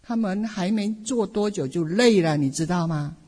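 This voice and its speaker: A middle-aged woman pastor shares her testimony from the pulpit with lively, animated storytelling and playful asides. Her voice is husky and a little breathy. The sound carries a long reverb, as if it were recorded in a large hall. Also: on the low side, moderate pace. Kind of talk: personal testimony sermon.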